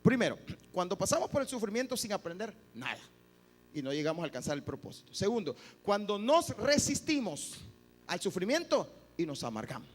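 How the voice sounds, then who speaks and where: A male pastor preaching a sermon, animated and acting out the voices of the people he quotes. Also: high voice, fairly quick. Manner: animated, acts out quoted voices, addresses listeners as "hermano". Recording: reverberant church hall, faint music.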